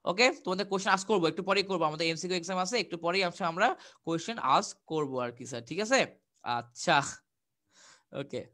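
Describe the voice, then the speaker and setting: A man's voice: high-pitched, quick pace, sharp tone. A young man from Bangladesh teaching a live online exam-prep class, chatty and repetitive, answering viewers' questions as he goes. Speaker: online tutor.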